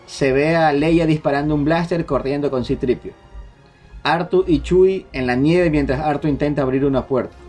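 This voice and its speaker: Male podcast host, slightly high voice, relays rumors briskly over faint music. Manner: relays leaked details in a quick, restarting, animated way. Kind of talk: casual group chat about film rumors.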